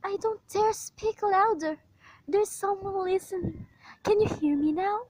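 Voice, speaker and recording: A woman's voice: very high voice, unhurried, a little mellow, dry recording, low-quality recording. A woman playing a frightened bedridden woman alone at night, pleading frantically in an amateur radio play. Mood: panicked. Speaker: invalid caller.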